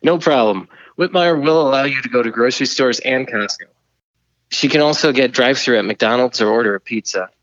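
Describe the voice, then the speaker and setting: A man's voice: medium pitch, brisk, fairly bright tone, no echo, highs cut off. A man playing a flustered mission controller over the radio. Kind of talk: comedy skit acting.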